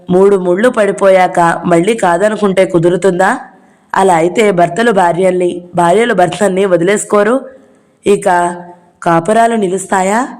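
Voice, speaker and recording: A woman's voice: medium pitch, darkish tone, lightly acted. A woman voicing an estranged husband who coaxes and lectures his wife to come back. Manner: coaxing, lecturing. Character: smooth-talking estranged husband, persuasive and self-serving.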